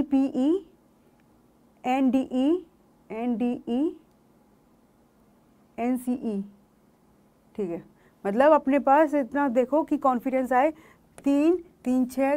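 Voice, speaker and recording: A woman's voice: high voice, a little mellow. A woman teaching a maths lesson online. She works through each step and keeps checking that students follow. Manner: explains step by step, mixes English terms, checks if students follow.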